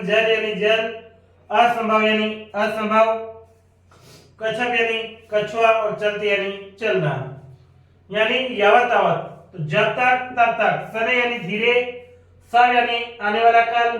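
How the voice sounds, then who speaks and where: Slow, high-voiced man drilling a class. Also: sharp tone. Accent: Rajasthani Hindi. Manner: slow, repetitive drilling with rhetorical questions. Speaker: Sanskrit teacher. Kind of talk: classroom grammar lesson. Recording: echoey room, voice from far off.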